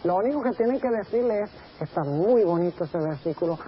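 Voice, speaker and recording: A male pastor preaching a sermon in an animated way, acting out the quotes he gives. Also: high voice, a little fast, lo-fi sound, a little hiss or hum.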